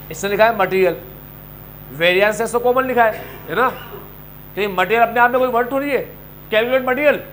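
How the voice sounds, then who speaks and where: High-pitched, lively coaching teacher. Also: male voice, slight background noise, poor audio. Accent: Indian. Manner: animated, scolding and joking with students. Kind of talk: classroom lecture.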